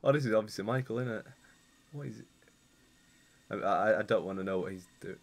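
Young guy chatting over his gameplay, rambly, gets excited fast. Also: on the low side, gravelly. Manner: chatty, rambling, excitable when things go wrong. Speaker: gaming YouTuber. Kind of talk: casual gameplay commentary.

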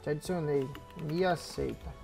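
A young adult man with a fairly high, creaky voice and a Bahian Brazilian accent chats at a moderate pace with his audience. He runs a gaming YouTube channel and speaks slangily, treating viewers as buddies, from a small home gaming room with music playing.

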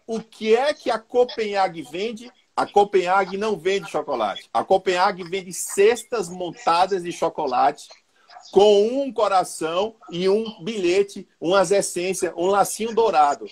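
A man with a Brazilian Portuguese accent giving a live online sales talk in a colloquial, lively way, speaking straight to his audience. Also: sits high. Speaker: sales trainer.

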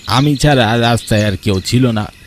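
First-person narrator, young man, hushed and tense, even middle-pitched voice. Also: normal speed, a little hiss or hum.

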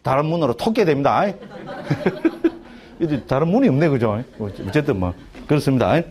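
With a mid-range, expressive, slightly mellow voice and a fast delivery, a middle-aged monk with a Gyeongsang Korean accent gives a chatty class lecture on a Buddhist text. He keeps asking "right?" and restarting sentences, with slight background noise present.

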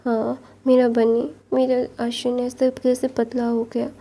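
A woman's voice: fairly high pitch, monotone, takes it slowly, mellow. A woman voicing a doting middle-aged mother who fusses tenderly over her child in a retold story. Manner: fussing, tender.

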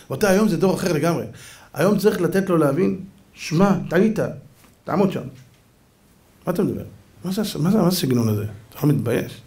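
Animated rabbi preaching with rhetorical questions. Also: male voice, a little high. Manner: emphatic, rhetorical questions, occasional shouts; acts out quoted voices. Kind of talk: Torah lesson sermon.

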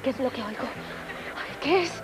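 Very high-voiced seance medium, frantic, entranced, repetitive, TV comedy, loud music behind. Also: female voice, animated, unhurried. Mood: entranced, ecstatic. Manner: seance medium, repeating phrases ecstatically. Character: frantic woman medium in a trance, hearing visions. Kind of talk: theatrical comedy sketch on television.

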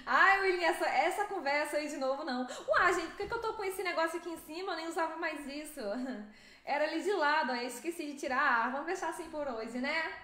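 A young Brazilian woman streaming a driving game, chatting with viewers in a lively, fast way and laughing often. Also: high-pitched, reverberant. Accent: Brazilian Portuguese. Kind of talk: live stream chat with viewers.

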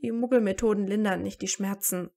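A woman's voice: medium pitch, steady tone, a little fast, gravelly, a little mellow. A woman reading aloud and voicing a tired teenage boy wizard who talks dryly and sarcastically. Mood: wry, tired. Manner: dry and sarcastic.

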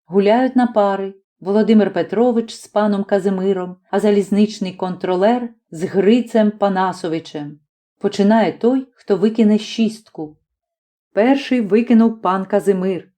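Calm woman reading a story. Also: medium pitch, normal speed. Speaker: audiobook reader. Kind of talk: scripted narration of a literary story.

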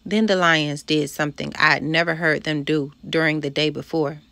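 An audiobook narrator with a lowish, creaky voice reads a first-person children's story at a moderate pace, bringing the scenes to life in a lively, expressive way. The sound is close and dry, with no room or echo.

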